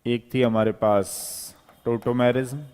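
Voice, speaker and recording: A man's voice: mid-range voice, fairly even intonation, unhurried, darkish tone, smooth. A male chemistry teacher giving a board lecture to students. He explains step by step as he writes and keeps checking in with "okay". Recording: long reverb, hall-like room.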